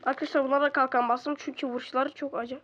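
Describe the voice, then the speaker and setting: A woman giving casual gameplay commentary from a bedroom at home, excitable and quick to exclaim and grumble at opponents. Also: high-pitched. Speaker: gaming video creator. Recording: slightly dull lo-fi recording.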